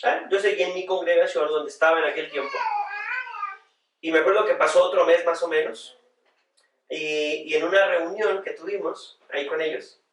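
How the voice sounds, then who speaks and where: A man who is a pastor, telling his personal story as a podcast guest in a reflective, earnest way, often pausing on filler words. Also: on the high side, fairly even intonation, a bit bright, slight background noise. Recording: roomy sound, voice far from the mic.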